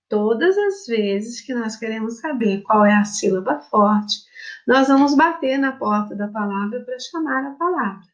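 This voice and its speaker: A woman with a Brazilian Portuguese accent teaching young pupils at a very slow, patient pace, stretching out words and spelling them letter by letter. Her voice sits somewhat high and sounds affectionate as she calls the children her loves. The audio is dull and lo-fi, like a home video recording. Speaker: primary school teacher. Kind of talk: remote lesson for children.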